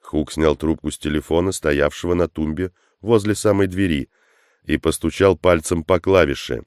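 A man with a very deep, smooth, resonant voice narrates an action story. His reading is measured and steady. The sound is close and dry, with no room around it. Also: dry recording. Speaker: audiobook narrator. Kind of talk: scripted narration.

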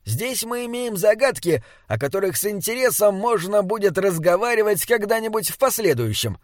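A man's voice: a little high, sing-song, normal speed, dry recording, pitched above the performer's own voice. A man puts on a little male troll with a raised, clipped voice and stiffly formal phrasing. He sounds prim and sure of himself, like a scholar lecturing his companions. The recording is dry and close. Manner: stilted, oddly formal phrasing. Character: small wise male troll guide, formal.

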